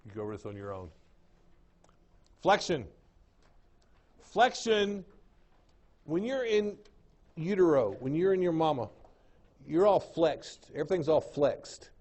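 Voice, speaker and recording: A man's voice: fairly high pitch, very animated, unhurried, long pauses, a little mellow. A man with an East Texas drawl teaching an anatomy class, repeating key terms and checking that the class follows. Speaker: anatomy lecturer. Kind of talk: classroom lecture. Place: lecture room.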